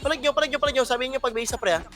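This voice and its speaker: A man from the Philippines calling out commands to his team during a game, repeating each urgent call in rapid bursts. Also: extremely high pitch, steady tone, fairly bright tone, faint music behind. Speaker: team shot-caller. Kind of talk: fast repetitive in-game callouts.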